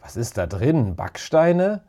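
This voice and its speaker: A cheeky schoolboy , as a man puts him on in a storybook, tosses off quips with mock-dramatic flair. The voice stays mellow and dark in tone, in a middle range. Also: medium pitch, very animated, takes it slowly, slightly rough, full character voice. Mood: joking.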